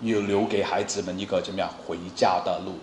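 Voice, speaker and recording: A man's voice: sits low, fairly even intonation, quick pace, darkish tone, reverberant, slight background noise. A man preaching a sermon in a conversational way, with fillers and frequent rhetorical questions. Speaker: pastor.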